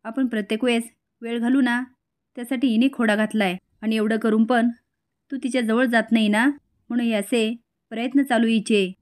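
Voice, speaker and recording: A jealous young fiancée who scolds and accuses her rival in a retold soap drama, voiced by a woman narrator. Her voice sits high and bites at the ends of lines. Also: fairly even intonation, normal speed, a little mellow, natural voice. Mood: scornful.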